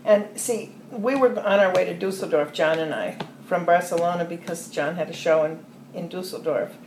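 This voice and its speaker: An older American woman, a podcast interview guest, telling long rambling stories with soft trailing asides. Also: fairly low pitch, normal speed. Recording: roomy echo with faint ambient noise.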